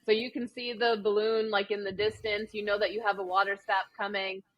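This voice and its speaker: A woman's voice: medium pitch, little pitch movement, fairly quick, a bit bright, dry recording, low-quality recording. Chatty woman with a Wisconsin accent. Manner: chatty, many ums and likes, laughs easily. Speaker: guest runner. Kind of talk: casual podcast interview.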